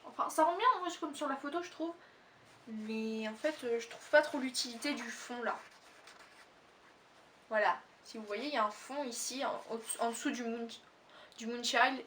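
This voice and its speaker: High-voiced teen girl, rambling haul chat. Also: sharp tone, far from the mic, a little hiss or hum. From Réunion. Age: teens. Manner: rambling, many fillers and self-corrections. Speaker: fashion haul vlogger. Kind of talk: casual haul video chat.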